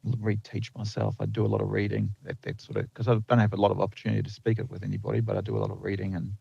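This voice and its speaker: A lineman from the Netherlands, carrying a slight New Zealand accent, chats casually as a podcast guest and rambles, full of fillers and restarts. He talks rapid-fire in a lowish, gravelly voice with a breathy edge and little pitch movement, captured in a slightly lo-fi recording.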